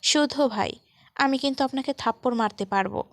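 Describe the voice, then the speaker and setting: A woman voicing an angry, sharp-tongued young woman who snaps irritably in a storybook reading. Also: sits high, a little fast, no room sound, studio quality. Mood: annoyed.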